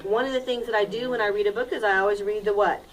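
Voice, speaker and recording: A crowd can be heard behind this woman, and the audio is poor. She's an elementary school reading teacher with a medium-pitched, fairly even voice who talks fast, reading a storybook expressively with dramatic, didactic emphasis and questions for her pupils.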